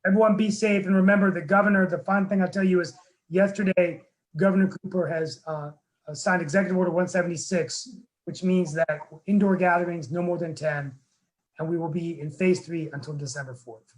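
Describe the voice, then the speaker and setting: A man's voice: sits high, fairly even intonation, a little fast, poor audio. A man hosting a webinar over a video call, talking earnestly and rambling with lots of fillers and restarts. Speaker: webinar host, town council member. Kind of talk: casual webinar talk.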